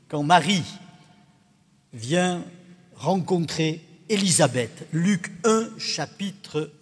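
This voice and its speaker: A man leading a Sunday service as pastor, reading scripture aloud in a measured, solemn way. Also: fairly high pitch, breathy edge. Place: church sanctuary. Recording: long church reverb, faint organ music.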